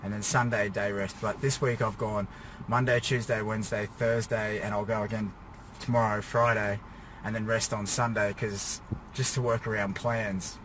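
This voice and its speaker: A man's voice: lowish voice, little pitch movement, moderate pace, a bit bright. Exhausted man rambling in a noisy car. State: exhausted, drained after a workout. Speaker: fitness vlogger preparing for a bodybuilding show. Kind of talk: casual personal rant to camera. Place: inside a car. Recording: noisy car interior, vehicle ambience.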